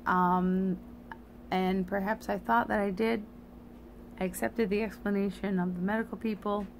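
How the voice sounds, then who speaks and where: A tired, sleepy woman gives a halting, meandering confessional monologue, slightly slurred because she has a retainer in her mouth. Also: medium pitch, creaky, slight background noise. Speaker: vlogger.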